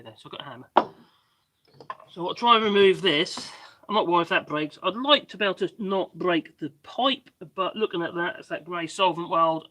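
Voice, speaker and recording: A man with a slightly mixed Norfolk English accent and a squeaky voice, chatting casually and ramblingly as he hosts a livestream. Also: sharp tone. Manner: rambling, chatty, self-interrupting. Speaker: livestream host doing DIY work.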